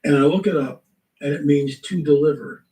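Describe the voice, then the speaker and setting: A man telling a spiritual testimony in lively storytelling, acting out the voices in his story. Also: on the high side, normal speed, roomy sound, far from the mic, poor audio. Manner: animated storytelling, acts out quotes. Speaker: guest. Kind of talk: testimony in a talk show.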